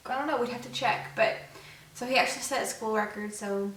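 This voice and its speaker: A woman's voice: a little high, fairly quick, fairly bright tone. Chatty young woman in an echoey room. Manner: rambling, chatty, full of fillers. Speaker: vlog co-host. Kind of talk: casual chat. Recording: echoey room, mic at a distance.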